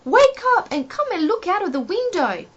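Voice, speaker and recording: A woman voicing an excitable, silly male storybook character who exclaims eagerly. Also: very high voice, normal speed, pitched above the performer's own voice, exaggerated voice. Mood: excited. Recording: dull lo-fi home recording.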